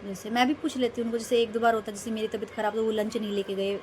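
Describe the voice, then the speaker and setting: A woman's voice: a little high, flat delivery, very fast, darkish tone, a little hiss or hum. A young woman vlogging casually, telling a rambling, emphatic story about her day. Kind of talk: casual vlog monologue.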